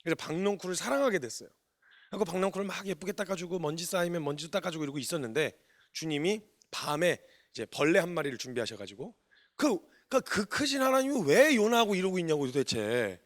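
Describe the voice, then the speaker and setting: A man, a missionary preacher, giving a sermon in colloquial, animated storytelling style, acting out the quotes he tells. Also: sits high, fast.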